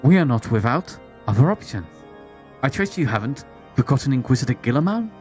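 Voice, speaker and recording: A woman's voice: extremely low pitch, very animated, fairly quick, darkish tone, faint music behind. A woman voicing a stately medieval nobleman who speaks in grave, archaic phrases.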